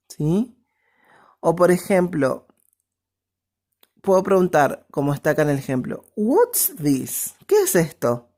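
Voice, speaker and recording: Woman, English teacher, low voice, slow and patient, keeps checking for understanding. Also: warm tone. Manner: explains step by step, often checks with "¿sí?". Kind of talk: recorded online class.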